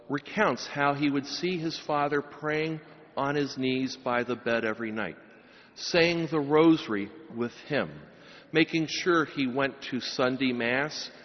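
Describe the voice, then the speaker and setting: A middle-aged man, a pastor, preaching a sermon and giving a blessing at a pulpit microphone, with emphatic, rising phrases. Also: mid-range voice. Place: large church. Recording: long church reverb, dull sound.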